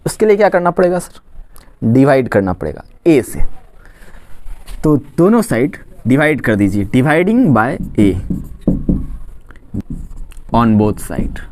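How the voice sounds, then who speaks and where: A man's voice: mid-range voice, very animated, takes it slowly, long pauses, a little mellow, slight background noise. A man from Bihar, teaching a maths lesson. He often asks a question and then answers it himself. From Khagaria, Bihar, India. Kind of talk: classroom lesson explanation.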